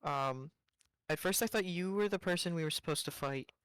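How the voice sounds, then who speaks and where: A man's voice: a little high, moderate pace, fairly bright tone, clean tone, no echo, rough recording. A man playing a tabletop game, talking casually with fillers and restarts. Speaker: player.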